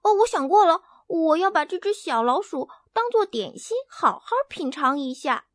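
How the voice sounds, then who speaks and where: A tiny, excitable storybook chick chirps her lines in a squeaky voice pitched far above ordinary speech, as a woman puts her on. The voice is dry and close, with no room around it, and the pace stays unhurried. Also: dry recording, full character voice. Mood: excited chirping. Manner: squeaky high chirping exclamations. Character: small brave female chick, excitable.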